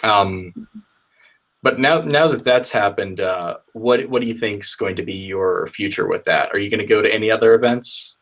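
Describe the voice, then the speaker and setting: Host: man with a very low voice, easygoing, casual interviewer. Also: normal speed, fairly bright tone. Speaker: podcast host.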